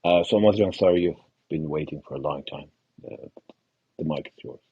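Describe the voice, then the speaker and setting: A man's voice: extremely low pitch, fairly quick, breathy edge, narrow, tinny audio. A man moderating an online audio chat room, polite and apologetic as he hands over the mic.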